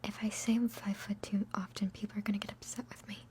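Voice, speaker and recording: Young female ASMR streamer, whispered Q&A chat, mid-pitched, giggly, self-mocking. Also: little pitch movement, quick pace, a little mellow. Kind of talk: whispered live Q&A ramble.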